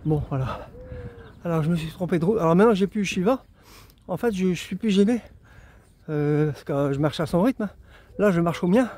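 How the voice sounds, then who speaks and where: Male walking vlogger, tired and rambling, high mellow voice, self-filmed outdoors. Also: fairly quick, long pauses, no room sound. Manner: chatty, rambling, talks to himself, self-mocking. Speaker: vlogger walking a pilgrimage route. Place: outdoors on a road and path. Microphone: handheld camera while walking.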